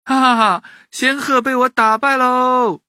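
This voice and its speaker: A man voicing a boastful young rooster boy in a storybook, brash and loud. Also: extremely high pitch, lively intonation, measured pace, husky, no echo, clean studio sound, pitched above the performer's own voice, heavily acted. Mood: gloating. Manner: brash, shouting challenges.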